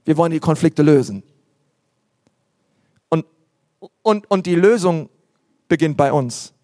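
A man delivers a sermon in a high-pitched voice, emphatic and animated. He repeats words for effect and slips into acted asides. The sound is close and dry, with no room echo. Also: unhurried. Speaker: pastor.

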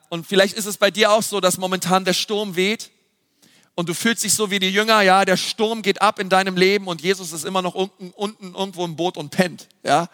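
A man giving a lively, emphatic sermon with dramatic questions. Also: high voice, no room sound, studio quality. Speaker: preacher.

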